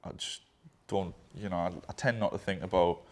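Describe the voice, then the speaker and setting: Lowish-voiced man talking candidly. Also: fairly even intonation, a little fast. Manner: rambling, candid, swears casually, many fillers. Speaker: business partner. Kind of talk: candid conversation.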